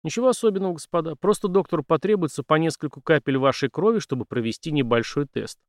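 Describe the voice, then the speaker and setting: A man's voice: fairly high pitch, fast talker, no echo, voice pushed up, lightly acted. A nervous, scheming male police chief, played by a man in an audiobook, fawning and evasive. The reading sounds close and dry.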